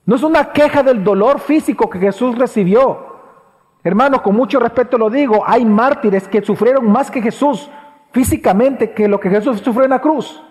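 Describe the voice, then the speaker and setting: Male pastor, high voice, sermon in a church hall with long reverb; repeats lines for emphasis, loud-to-hushed swings. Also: moderate pace, slightly rough. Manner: preaching with sharp swings between loud high passages and low hushed ones.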